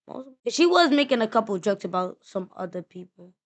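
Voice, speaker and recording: A woman's voice: mid-range voice, sing-song, brisk. New woman streamer, blunt and slangy. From New York. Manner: blunt, slangy, thinking aloud. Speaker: streamer reacting to a clip. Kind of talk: live stream reaction chat.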